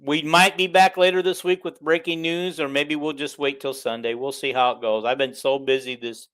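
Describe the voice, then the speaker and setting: A man's voice: a little high, steady tone, moderate pace, fairly bright tone. A man hosting a casual sports podcast over an online call, chatty and upbeat. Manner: chatty, upbeat, laughs easily. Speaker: podcast host.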